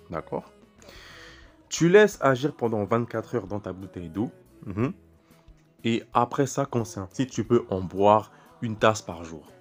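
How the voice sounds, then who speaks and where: A young man with a fairly low voice preaches in a loose, conversational way, telling his own story. He circles back, repeats words and restarts his sentences, speaking directly to the listener. Soft music plays faintly behind him. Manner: rambling, repeats words and restarts phrases often; talks straight to the listener, casual and chatty. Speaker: preacher styling himself a prophet. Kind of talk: informal spiritual teaching and personal testimony.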